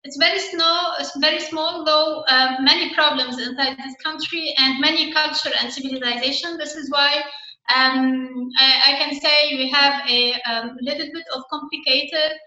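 A woman's voice: sits high, fairly even intonation, normal speed, sharp tone. A woman, telling her story earnestly as a guest in an online interview. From Lebanon. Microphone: video call. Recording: echoey, dull online call audio.

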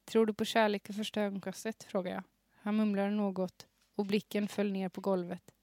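She's a young adult podcast host, suppressing giggles as she reads a story she wrote in her teens. Her mid-range voice barely moves in pitch and has a darkish tone. The studio microphone and headphones give clean, echo-free sound.

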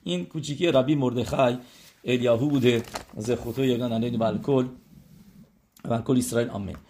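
A man's voice: mid-range voice, a little mellow, slight background noise. A man giving a religious lesson and telling a story in a conversational way, with frequent hesitations and rhetorical questions to his listeners. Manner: conversational, many hesitations and rhetorical check-ins. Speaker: religious teacher.

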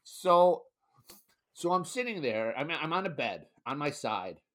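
A young adult man, a podcast co-host, tells a story during a casual chat, animated and often laughing as he imitates other people's voices. He speaks unhurriedly in a fairly high pitch.

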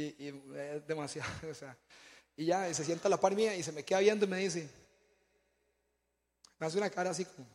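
A long reverb tail follows a man's slightly high, darkish voice as he gives a testimony talk to a congregation, sermon style. An animated storyteller, he often stumbles and repeats his words.

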